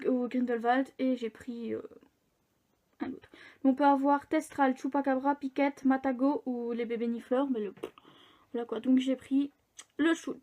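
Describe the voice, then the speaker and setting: A woman's voice: high-pitched, dark tone, dull audio. A young woman chatting casually in a book vlog, rambling with fillers and restarts. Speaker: book vlogger. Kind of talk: casual chat.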